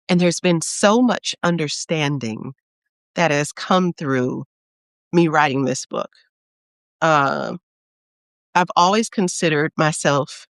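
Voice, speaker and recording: A woman's voice: sits low, a bit bright, no room sound, clean studio sound. A woman who is an author and program leader, speaking in an earnest, reflective way as she gives a heartfelt spiritual talk.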